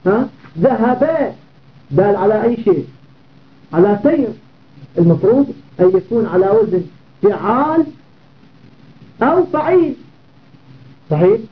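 A man teaching Arabic grammar in class repeats word patterns and asks rhetorical questions, speaking a little slowly with long pauses. His voice sits high and moves through big pitch swings, captured in tinny, phone-like audio.

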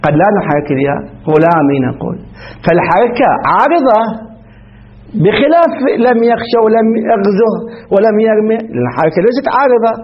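High-voiced man teaching grammar, lo-fi. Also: sing-song, fast. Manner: explains step by step, quizzes students with questions. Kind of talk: classical grammar lesson. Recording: dull lo-fi recording.

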